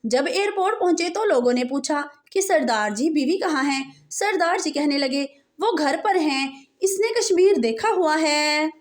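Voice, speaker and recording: High-voiced woman reading out jokes. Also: lively intonation, a little slow, hardly any pauses. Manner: punchlines followed by canned laughter. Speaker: joke teller.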